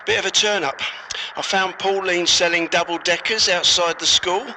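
An actor playing a laid-back, matter-of-fact police sergeant heard through a police radio. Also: male voice, high voice, fairly even intonation, normal speed, sharp tone, slight background noise, heavily acted, rough recording. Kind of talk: radio drama acting.

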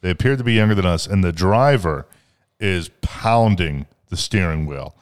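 A man's voice: low voice, moderate pace. Profane, rambling young man telling a story. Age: 20s. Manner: profane, rambling, animated retelling. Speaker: podcast co-host. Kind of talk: casual storytelling chat.

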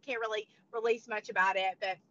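Hoarse forty-something woman, bright and eager, interview guest, rambly. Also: mid-range voice, steady tone, a little fast. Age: 40s. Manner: chatty, many restarts and fillers. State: hoarse, losing her voice. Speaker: guest, motivational speaker. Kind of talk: casual interview chat. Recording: dull lo-fi sound.

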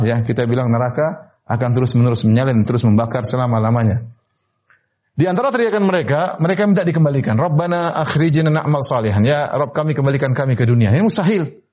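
A man giving a sermon on Quran verses, explaining Arabic word forms slowly with many repetitions and rising sharply in pitch to stress a point. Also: a little mellow. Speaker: Islamic preacher. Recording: slightly dull, muffled recording.

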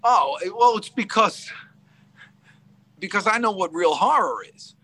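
A man's voice: sits high, expressive, unhurried, pushed and bright, husky. A middle-aged man, a podcast guest, telling candid stories in conversation. He rambles, gets emotional and often laughs.

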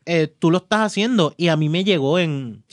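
A man's voice: fairly high pitch, normal speed, no echo, clean studio sound. A Puerto Rican man hosting a casual podcast chat, loose and slangy, often talking over the others. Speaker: podcast host.

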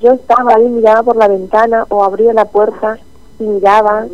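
A woman's voice: on the high side, flat delivery, brisk, no echo. A woman telling her experience in an interview, earnest and emotional. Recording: dull lo-fi line.

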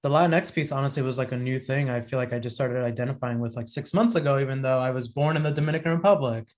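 A man's voice: mid-range voice, fast talker. A man in his thirties, a podcast guest, talking in a reflective, rambling way full of fillers and restarts. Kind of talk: casual conversation.

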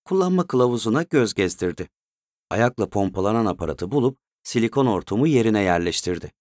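A male storyteller reads a written story in a steady, measured way. His voice sits low. The recording is dry and close, with no room echo. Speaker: narrator. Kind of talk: scripted story narration.

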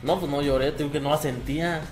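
A man's voice: fairly high pitch, steady tone, fast, reverberant, music in the background. A young Mexican man telling a long injury story in casual podcast chat, full of fillers and restarts. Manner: rambling storyteller, repeats fillers. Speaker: podcast guest.

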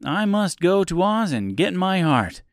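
A man's voice: sits high, big pitch swings, a little slow, no echo, clean studio sound, voice pushed up, exaggerated voice. A man reading an audiobook, voicing a sincere, polite tin man in a raised, earnest voice. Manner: earnest and loud. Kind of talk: audiobook character voice.

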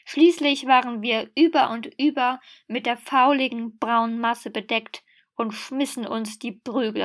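A woman's voice: on the high side, a bit bright. Woman reading a comic story aloud. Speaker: reader.

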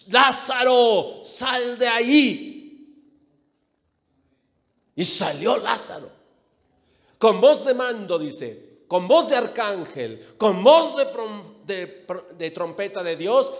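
A man with a high voice preaches slowly and deliberately, leaning hard on repeated phrases. He speaks straight to his listeners as he preaches. His voice rings through a long, echoing hall. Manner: emphatic, repeats phrases, addresses the congregation directly. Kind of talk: sermon.

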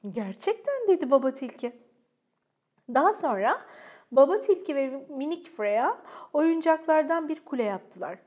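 Female children's storyteller, high bright voice, warm sing-song bedtime reading. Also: expressive, moderate pace.

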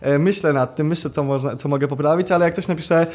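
A man's voice: on the high side, fast, darkish tone. A young man talking casually as a podcast guest, hesitant, with many fillers and restarts. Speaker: YouTuber and streamer, podcast guest. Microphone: podcast studio mic.

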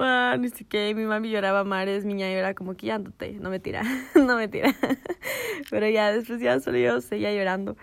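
A woman telling a story in casual chat, animated and laughing, dropping in English slang. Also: mid-range voice, no echo.

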